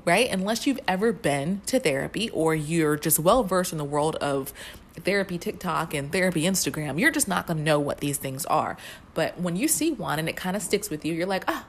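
Exasperated sarcastic woman, low-pitched. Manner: exasperated, sarcastic, with squeaky mocking jumps when quoting. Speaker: counselor who works with children. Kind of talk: casual opinion monologue.

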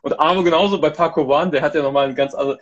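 Speaking very fast in a steady, slightly high voice, this guest on a live stream chats casually but haltingly, full of restarts and fillers. He is a content manager from Hamburg, Germany. The video call audio has its highs cut off.

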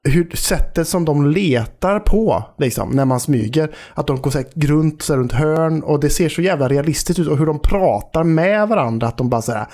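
An excitable man from Sweden co-hosting a podcast, gushing about games with plenty of swearing and fillers. His pitch is a little high and jumps around a lot as he talks. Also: hardly any pauses. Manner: enthusiastic, swears often, lots of fillers. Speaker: podcast co-host. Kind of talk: casual chat.

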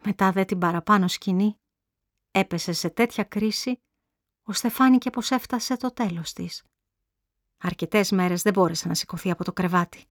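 A woman narrates a classic novel in a measured, even storytelling voice. Her tone sits at a mid pitch, recorded on a close mic with a dry sound and no room echo. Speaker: audiobook reader. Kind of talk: literary audiobook narration.

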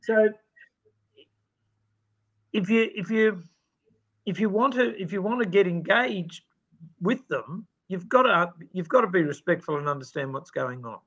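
Aussie guy on a podcast, slightly high voice, bit muffled lo-fi sound, lots of ums. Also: unhurried, long pauses. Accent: Australian. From Australia. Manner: animated storyteller with filler ums. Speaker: sales expert guest. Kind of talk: conversational podcast answer.

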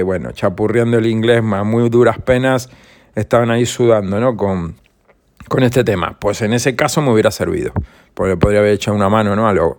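A man's voice: on the low side, a little mellow. A man hosting a solo podcast, explaining things in a rambling, casual way with frequent restarts. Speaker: podcast host.

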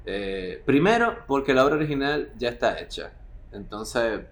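A man's voice: mid-range voice, animated, moderate pace. A man from the Dominican Republic with a Dominican Caribbean Spanish accent, explaining things reflectively and colloquially in an interview. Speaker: film director being interviewed. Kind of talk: conversational interview. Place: home, beside a street with motorbikes. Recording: clear street noise behind.

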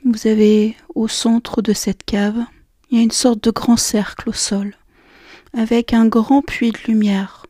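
A woman guiding a relaxation and meditation session in a soft, slow, half-whispered voice. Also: on the high side, flat delivery, slightly rough, no echo, studio quality. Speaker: relaxation guide. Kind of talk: guided meditation.

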